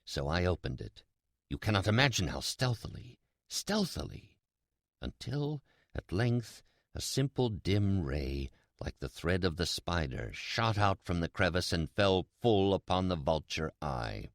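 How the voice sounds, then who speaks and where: Man acting a deep-voiced, gloating madman. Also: very animated, no echo, studio quality, exaggerated voice. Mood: creeping dread. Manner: theatrical, deliberate, drawn-out emphatic repetitions. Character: mad, gloating, sly male murderer confessing his crime. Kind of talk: dramatic Gothic horror story reading.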